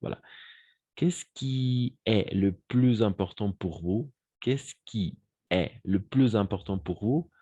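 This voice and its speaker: A man teaching French to Spanish speakers, who repeats phrases slowly and switches into Spanish to explain. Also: fairly low pitch, dark tone, slightly rough, dry recording.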